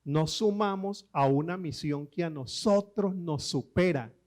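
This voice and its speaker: A man preaching a sermon, telling stories with quoted voices and humor, slowing down for emphasis. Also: a little high. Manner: lively, slows down for emphasis.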